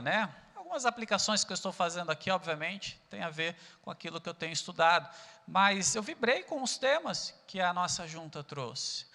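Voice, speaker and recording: Bright, high-voiced Brazilian man preaching. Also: in a large hall. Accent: Brazilian Portuguese. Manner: earnest preaching, asks rhetorical questions. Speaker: pastor. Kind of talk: sermon.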